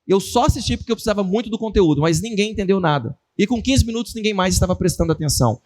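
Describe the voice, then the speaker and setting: A man's voice: high voice, racing. A man giving a motivational lecture to an audience, constantly shifting his tone and speed. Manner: lively, varies tone and speed on purpose. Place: stage before an audience.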